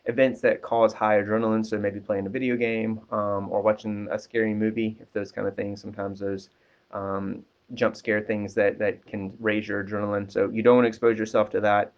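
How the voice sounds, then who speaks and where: Casting Man, lower voice, counselor giving easygoing advice, lots of fillers, dull lo-fi recording. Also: brisk. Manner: relaxed, many ums and restarts. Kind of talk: casual advice talk. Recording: dull lo-fi sound.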